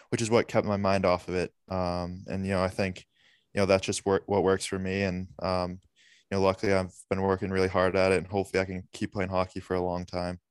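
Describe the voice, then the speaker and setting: A man's voice: low-pitched, clear, resonant tone, no room sound, studio quality. A young man from Massachusetts answering podcast questions earnestly, with frequent fillers. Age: young adult. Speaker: podcast guest, college hockey player. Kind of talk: casual interview answers.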